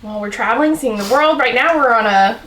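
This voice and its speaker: A woman's voice: a little high, fairly quick, fairly bright tone. A woman playing a tabletop game, chatting in character in a playful, giggly way. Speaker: player. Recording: echoey room, mic at a distance, faint noise.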